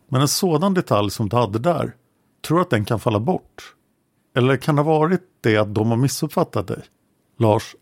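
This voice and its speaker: A man narrating a true-crime podcast, reading an interrogation transcript aloud in a measured, matter-of-fact way and naming each speaker before their lines. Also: medium pitch, creaky, darkish tone, no echo, clean studio sound.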